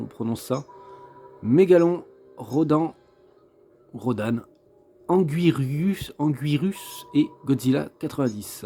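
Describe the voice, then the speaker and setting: A man's voice: mid-range voice, dark tone. A man giving casual gameplay commentary as a game reviewer, thinking aloud and hesitant, with many fillers. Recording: clear background noise.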